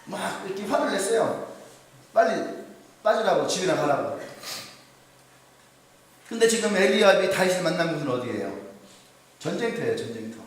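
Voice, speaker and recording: A male pastor from South Korea delivering an animated sermon in a church, often asking the congregation questions. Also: high-pitched, moderate pace, pauses often. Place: church sanctuary. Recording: very echoey hall, distant mic.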